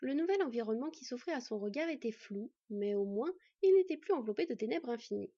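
Lady reading a storybook, kinda high, dark mellow tone, dry muffled recording. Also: animated, quick pace, husky, no echo. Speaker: narrator. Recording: dull, slightly muffled recording.

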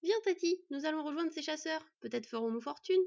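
A woman's voice: high-pitched, lively intonation, brisk, gravelly, darkish tone, highs cut off, pitched above the performer's own voice. A woman reading an audiobook, voicing an eager, naive teenage boy who talks with enthusiasm and candor. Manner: candid, enthusiastic.

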